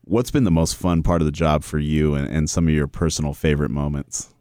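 Male interview host, deep and level delivery, enthusiastic, admiring questions. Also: fairly even intonation, brisk, a little mellow, dry recording, clean studio sound.

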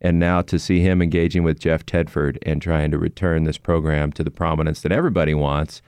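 Man, middle-aged, very low smooth voice, dry close sound, earnest storyteller. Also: flat delivery, fairly quick, a little mellow, no echo. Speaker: sports announcer and guest. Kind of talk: conversational interview.

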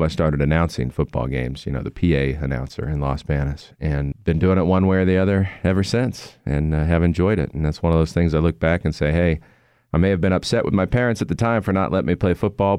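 Man, middle-aged, very low smooth voice, dry close sound, earnest storyteller. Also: darkish tone, no echo. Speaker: sports announcer and guest. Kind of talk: conversational interview.

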